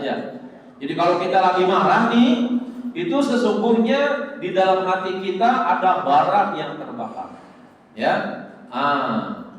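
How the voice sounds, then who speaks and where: A high-pitched male preacher gives a lively, joking mosque sermon studded with Arabic quotations. His voice rings through a big hall with long reverb. The mic sits well away from him, with a faint hiss underneath. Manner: lively, joking, acts out angry speech. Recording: echoey hall, distant mic, faint noise.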